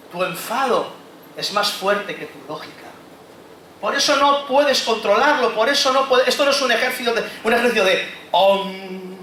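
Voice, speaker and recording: A pastor preaching a conversational sermon, acting out inner monologues and asking the congregation rhetorical questions. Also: male voice, sits high, bright, forceful tone, slight background noise. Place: church hall. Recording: echoey church hall, faint ambience.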